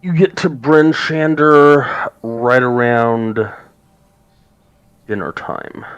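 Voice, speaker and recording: Male game master, unhurried and halting, mid-pitched, narrating a tabletop fantasy scene. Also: clear, resonant tone, no room sound, rough recording.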